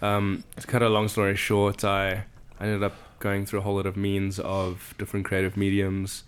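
Low, smooth-voiced man from South Africa. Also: completely flat delivery, normal speed. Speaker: podcast guest. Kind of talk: casual chat. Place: cabin.

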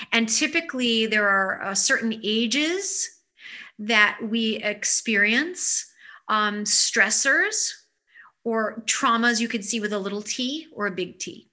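Bright-voiced woman teaching yoga philosophy. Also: a little high. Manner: thoughtful, halting delivery that often repeats words. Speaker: yoga educator. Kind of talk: spiritual teaching talk.

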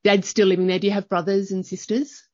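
A woman's voice: mid-range voice, little pitch movement, quick pace, darkish tone, no echo, muffled recording. A woman, hosting a podcast in an enthusiastic, bubbly chat. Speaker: podcast host. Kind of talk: casual interview chat.

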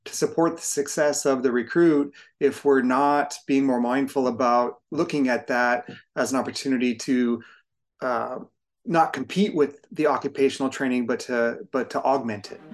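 A man's voice: mid-range voice, steady tone, normal speed. A man in his fifties, a veteran firefighter appearing as a podcast guest, speaking thoughtfully and earnestly with occasional restarts. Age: 50s. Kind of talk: reflective conversation.

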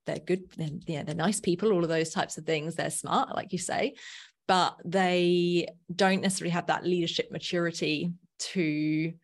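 A woman's voice: fairly low pitch, steady tone, moderate pace. A woman in an informal podcast discussion, thinking aloud and often rephrasing as she explains.

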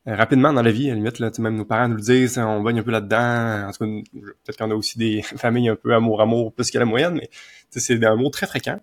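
A man's voice: medium pitch, steady tone, fast talker. A man with a Québécois accent hosting a podcast, encouraging and affirming his guests in casual discussion. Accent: Québécois French. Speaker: podcast host, moderating.

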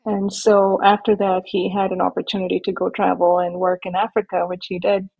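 A woman from India and Nigeria, talking thoughtfully as an interview guest with many small pauses and restarts. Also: mid-range voice, little pitch movement, gravelly, slightly rough, dull audio. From born in India, raised in Nigeria. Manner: thoughtful, measured, with frequent fillers and restarts. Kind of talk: interview conversation.

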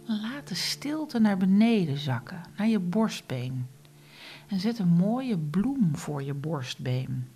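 A woman guiding a relaxation meditation, speaking softly and often in a whisper. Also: fairly low pitch, very animated, soft background music. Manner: slow, soft, often whispered instructions. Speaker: meditation guide.

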